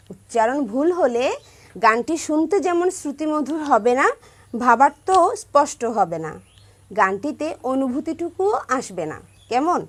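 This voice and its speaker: Teaching a song to primary schoolchildren, a Bangladeshi woman with a high, somewhat bright voice patiently stresses careful pronunciation and keeps checking in with her pupils.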